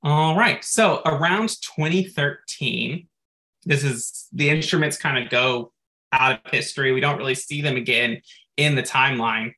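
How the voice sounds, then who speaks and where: A man's voice: mid-range voice, a little slow, sharp tone. A man co-hosting a podcast in casual chat, recapping game lore at length and dropping in frequent "like" asides. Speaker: podcast co-host.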